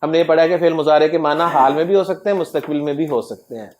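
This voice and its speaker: A man teaching Arabic grammar in a classroom lecture. He drills word forms slowly and keeps quizzing his students. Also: a little high, darkish tone, slight background noise. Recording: echoey classroom recording.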